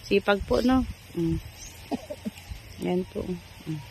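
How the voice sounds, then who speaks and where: A woman's voice: mid-range voice, slow pace, creaky, a little hiss or hum, poor audio. A woman charity vlogger giving short, polite, encouraging remarks and murmurs. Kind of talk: casual vlog chat.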